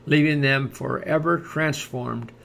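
A man reading scripted podcast narration in a measured, formal manner, like a nature documentary narrator. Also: on the high side, steady tone, vocal fry. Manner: measured, formal read-aloud delivery.

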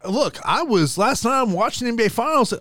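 A man in his forties co-hosting a podcast, chatting in a chummy, animated way and often repeating himself. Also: extremely high pitch, brisk, no room sound. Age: 40s. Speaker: podcast co-host. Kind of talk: casual sports chat.

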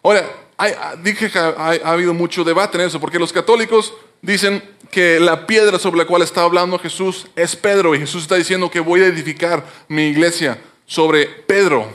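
A man's voice: sits high, fairly even intonation, fairly quick, a bit bright. A man preaching a sermon in a conversational, explanatory way, often restarting his words. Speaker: pastor.

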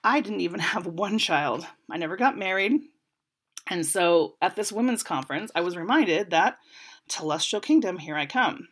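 A woman's voice: on the low side, expressive, normal speed, a bit bright. A woman in her forties, talking candidly and reflectively with some wry humor, slightly congested from a lingering cold. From United States. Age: 40s. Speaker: podcast panelist. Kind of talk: personal reflection.

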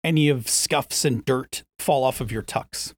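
A man's voice: medium pitch, unhurried, no room sound. A man narrating as game master in a casual tabletop play session, talking loosely with lots of fillers. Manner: casual, filler-heavy narration with voiced asides.

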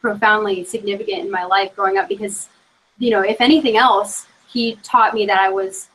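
A woman co-hosting a podcast, chatting casually and fast, with lots of "like" and "you know". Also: medium pitch, steady tone, fairly bright tone, rough recording. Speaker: podcast co-host. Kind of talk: casual chat.

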